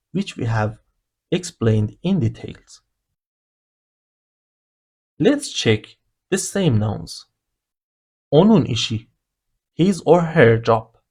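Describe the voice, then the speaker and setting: Medium in pitch and mellow in tone, this language teacher explains beginner grammar slowly. He moves patiently through the rules, one step after another.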